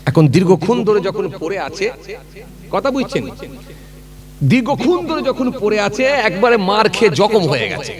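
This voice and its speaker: A man's voice: high-pitched, sing-song, normal speed. A man telling a folk story in a sermon at an outdoor gathering, often asking the crowd whether they follow. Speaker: preacher. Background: crowd noise.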